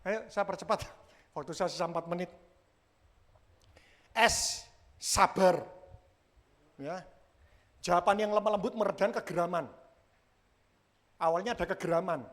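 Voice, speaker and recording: A man preaching a sermon in church, lively and humorous, acting out quoted lines from everyday life. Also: sits high, unhurried, pauses often. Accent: Indonesian. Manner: animated, acts out quoted voices with humor. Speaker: pastor.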